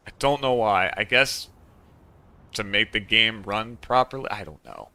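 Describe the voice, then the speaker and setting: A man streaming a video game, chatting casually and calmly explaining game details as he plays. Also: on the low side, measured pace. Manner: relaxed, explains game details, chuckles easily.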